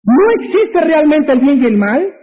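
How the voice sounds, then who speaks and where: A Mexican man delivers a sermon in a strikingly high voice, driving his points home with emphatic rhetorical questions. The sound is thin and narrow, like a phone line. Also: sing-song, unhurried. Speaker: pastor.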